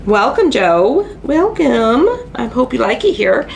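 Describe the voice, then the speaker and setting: Speaking slowly in a slightly high voice with vocal fry, a woman chats through her casual craft live stream, her nose stuffed up from allergies. She's a storyteller full of fillers and bursts of excitement, with a faint hiss or hum in the background.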